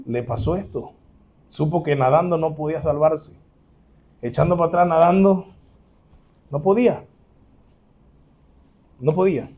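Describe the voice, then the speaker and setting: Gravelly, mellow-voiced man preaching. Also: fairly high pitch. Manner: animated preaching with acted-out quotes, addresses listeners as brothers. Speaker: pastor. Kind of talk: sermon.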